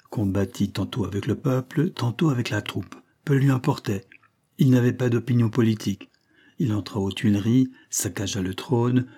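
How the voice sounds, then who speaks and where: A man reading a classic novel aloud as an audiobook narrator, in a measured, dramatic manner. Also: fairly low pitch, warm tone, slightly rough.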